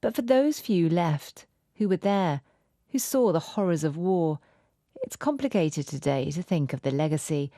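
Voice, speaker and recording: A woman's voice: fairly low pitch, lively intonation, measured pace, dark tone, no echo, clean studio sound. A woman reporter reading scripted narration for a news feature. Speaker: radio reporter.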